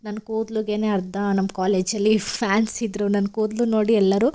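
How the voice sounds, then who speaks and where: Talking quickly and flatly in a dark, medium-pitched voice, a young woman who vlogs about homemaking narrates her chores at home. Her tone is casual and chatty as she explains what she's doing.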